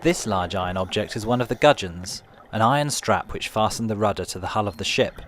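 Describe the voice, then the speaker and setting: A man narrating a scripted guided tour in a calm, measured, explanatory way, like a museum guide. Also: fairly low pitch, slight background noise. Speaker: tour guide narrator of a shipwreck dive trail.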